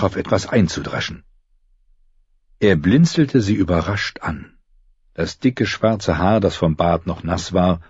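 A man reads an audiobook in a low, husky voice, measured and even. The recording is dry and close, with a slightly dull, muffled tone. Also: no room sound. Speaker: audiobook narrator. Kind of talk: scripted narration.

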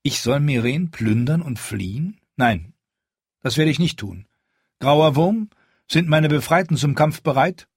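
A man reading a proud, commanding young queen in an audiobook, raising his voice high and firm. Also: lively intonation, measured pace, breathy edge, no room sound, studio quality, heavily acted. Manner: firm, defiant, raised pitch.

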